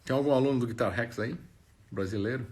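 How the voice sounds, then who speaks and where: A Brazilian man who speaks Portuguese with a Brazilian accent hosts a laid-back live stream, reading viewer comments aloud while halting and searching for words. His voice is mid-range and slightly mellow, with faint music in the background.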